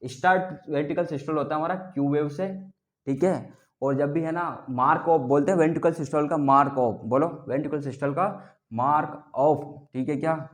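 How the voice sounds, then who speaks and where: A male biology teacher giving a lively classroom lecture, drilling students to repeat terms back to him and teasing them playfully, mixing with terms. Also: a little high, normal speed. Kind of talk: classroom lecture with call-and-response.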